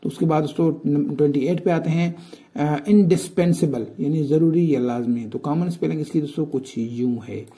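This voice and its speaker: A young man with a Pakistani Urdu accent, teaching a spelling lesson, explaining slowly and repeating words as he spells them out. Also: a little high, dark tone. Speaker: tutor. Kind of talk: casual spoken lesson.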